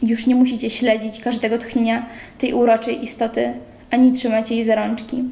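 A woman's voice: on the high side, little pitch movement, normal speed, creaky, dark tone. A woman reading the lines of a pompous, mock-gallant young man in a roomy space. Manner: wordy, mock-gallant lecturing. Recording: roomy echo.

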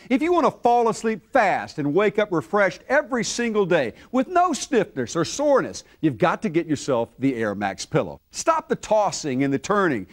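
A middle-aged man presenting an infomercial, pitching and demonstrating a product.

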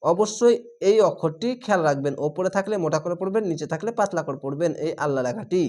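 A man teaching Quran reading, slowly spelling out each word syllable by syllable. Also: fairly high pitch, lively intonation, a little mellow. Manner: slow, drawn-out syllable-by-syllable spelling of Arabic words. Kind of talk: spelling-out recitation lesson.

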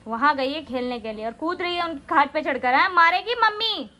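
A woman's voice: sits high, fairly quick, bright, forceful tone, lo-fi sound. A young woman vlogging casually at home, chatting and scolding her children as she films around the house and yard. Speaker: vlogger and mother. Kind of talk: casual home vlog chat. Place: home and yard, outdoors and indoors. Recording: noisy phone recording.

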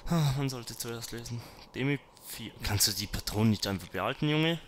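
A man's voice: mid-range voice, animated, moderate pace, a little hiss or hum. A man commenting on his gameplay, talking to zombies and to himself and swearing when startled. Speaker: let's player.

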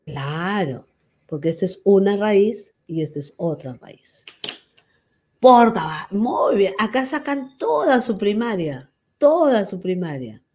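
A middle-aged woman teaches an online language class, joking with her students. Her voice is husky and breathy. She speaks slowly and unhurriedly. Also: mid-range voice, very animated, darkish tone. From Peru. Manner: teasing, chatty, addresses students as "hijo".

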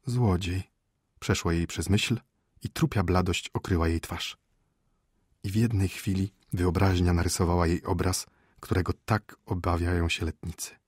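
A man narrating an audiobook in a dramatic, animated reading style. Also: deep voice, normal speed, husky, no echo, clean studio sound. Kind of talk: expressive scripted narration.

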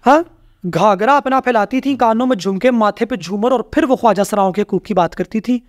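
A woman's voice: fairly high pitch, a little fast, no echo, clean studio sound. A woman, a guest on a podcast, speaking emphatically in conversation and driving her points home with rhetorical questions and repeated phrases. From Pakistan. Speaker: podcast guest, rights activist. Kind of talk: conversational interview.

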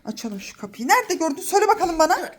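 A mother in her thirties films a family vlog, talking to her kids and viewers in a playful, coaxing way. Her voice sits very high and she exclaims often. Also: sing-song, fast talker, noisy background. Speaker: mother and vlogger.

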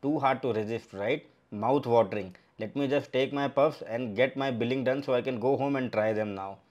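A man's voice: mid-range voice, moderate pace, a little mellow, dull audio. A young man, narrating a food vlog with upbeat enthusiasm, filming himself at a bakery and out on the street. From India. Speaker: food vlogger.

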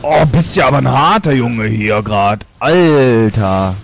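Male let's player: slow, lively-pitched, cocky trash-talking gameplay commentary. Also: creaky, soft background music. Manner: playful boastful trash talk.

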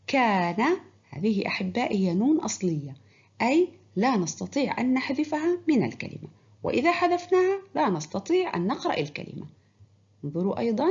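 A woman teaching a primary school reading lesson, speaking clearly and patiently to children. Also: a little high, a little mellow. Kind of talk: recorded online reading lesson. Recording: dull lo-fi recording.

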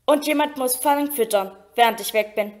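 A towering, gruff giant of a man, as a woman reads him in an audiobook. He blusters loudly in a raised, urgent voice. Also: sits high, fairly quick, natural voice. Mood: cautious. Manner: blustering, shouting.

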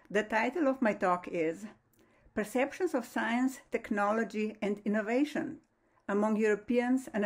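A woman's voice: medium pitch, darkish tone. Slovenian woman giving a formal lecture. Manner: measured, formal, slightly non-native phrasing. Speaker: lecturer, astrophysicist. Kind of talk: prepared online science lecture.

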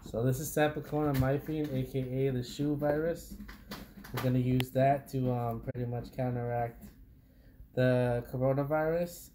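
A man's voice: medium pitch, steady tone, normal speed, noisy background, natural voice. A man playing a matter-of-fact researcher in an amateur drama, explaining informally with some hesitation. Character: matter-of-fact researcher presenting experimental cures. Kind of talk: amateur found-footage drama. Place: indoors at a wooden table.

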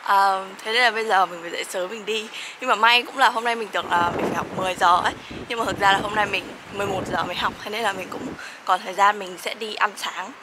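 A woman's voice: mid-range voice, fairly even intonation, fast, few pauses, background noise. A young woman from Vietnam chatting casually in a student vlog, with lots of fillers and frequent laughs. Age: young adult. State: sleepy. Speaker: vlogger, master's student.

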